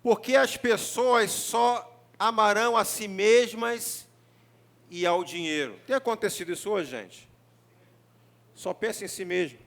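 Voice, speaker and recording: A man preaching a sermon as pastor in a church, with a Rio de Janeiro Brazilian Portuguese accent, talking in an animated, joking way and often asking the congregation questions. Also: high-pitched, a little slow, vocal fry. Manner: animated, jokey, mimics congregants, often asks the crowd. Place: church hall.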